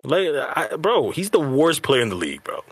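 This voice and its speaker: A man's voice: a little high, very animated, normal speed, breathy edge, dry recording. A man trading casual sports banter in a teasing, slangy way.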